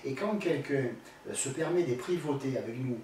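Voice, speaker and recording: A man's voice: medium pitch, moderate pace, darkish tone. Man, blunt colloquial advice, crude slang and fillers, far from the mic, strong room echo, faint noise. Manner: addresses the questioner directly by name. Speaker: spiritual teacher answering a viewer's question. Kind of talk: spontaneous spoken advice.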